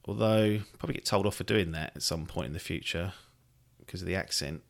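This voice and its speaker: A man talks through his podcast in relaxed, rambling chat. His voice sits a little low, and he swears freely as he goes. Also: a little fast, creaky. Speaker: podcast host. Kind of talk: casual chat.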